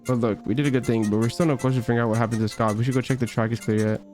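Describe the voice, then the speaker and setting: A man on a desk mic chats his way through a story game, reading lines aloud and trading jokes with his viewers. His voice sits at an ordinary middle pitch, loose and offhand with the odd curse. Faint game music plays underneath. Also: steady tone, racing, darkish tone. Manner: chatty, swears offhandedly, banters with chat. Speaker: gaming streamer. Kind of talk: casual let's-play commentary, reading game dialogue aloud.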